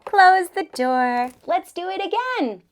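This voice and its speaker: A woman's voice: extremely high pitch, big pitch swings, slow, no room sound. A woman hosting a children's lesson in a playful, sing-song teaching style, with exaggerated, encouraging delivery and simple short phrases. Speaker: children's educator and show host.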